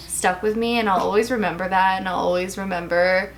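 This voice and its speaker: A young adult woman chatting casually as a YouTuber, gushing and expressive, with emphatic wording and casual slang. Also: mid-range voice, a little fast. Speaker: YouTuber answering viewer questions.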